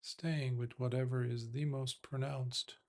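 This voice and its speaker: Speaking like a Buddhist monk addressing his students, a man leads meditation in a medium-pitched voice. He offers brief, deliberate instructions with long silences between them, keeping his tone level.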